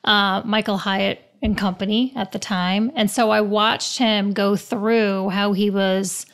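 A woman with a New York accent hosting a casual interview, chatty and quick to laugh at herself. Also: medium pitch, fairly even intonation, a bit bright, clean tone.

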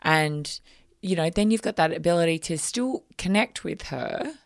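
A middle-aged woman with a low, gravelly voice, co-hosting a chatty talk show. She reads out listener letters and then gives her own take in a loose, conversational way. The sound is dry and close, with no room around it. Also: lively intonation, normal speed, no room sound. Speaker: podcast co-host. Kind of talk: casual chat, reading listener letters.

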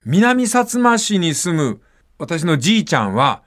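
An older man hosts a casual radio chat, reading out listener letters. His voice sits a little high and swoops around a lot. He keeps breaking into acted-out snippets of speech as he tells his stories. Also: a little slow. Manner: animated storytelling, acts out dialect phrases.

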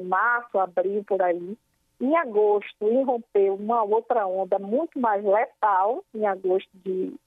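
A woman's voice: a little high, no echo. A woman, a history professor, explaining in an interview with many hesitant fillers. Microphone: telephone. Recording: tinny dry phone line.

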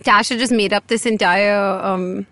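Indian girl co-host just chatting n teasing her friend, mid pitch, no room echo. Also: steady tone, moderate pace, fairly bright tone, studio quality. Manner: teasing, interjecting. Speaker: podcast co-host. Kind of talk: casual banter between friends.

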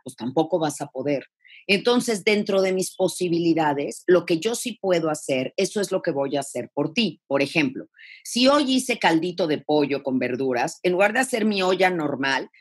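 Husky Mexican woman giving grief advice. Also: on the low side, moderate pace. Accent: Mexican Spanish. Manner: expressive, acts out quoted phrases, rhetorical questions. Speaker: thanatologist guest. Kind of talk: podcast interview, advice.

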